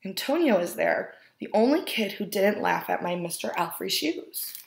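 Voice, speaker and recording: A woman reading a children's picture book aloud as a storyteller, expressively and with deliberate emphasis on key words. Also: mid-range voice, expressive, vocal fry, noisy background. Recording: roomy, echoing indoor sound.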